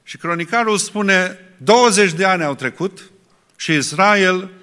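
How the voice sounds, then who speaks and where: A man preaching a sermon, asking rhetorical questions and pausing often to restart. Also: sits high, sharp tone, clear, resonant tone. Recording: long reverb in a hall.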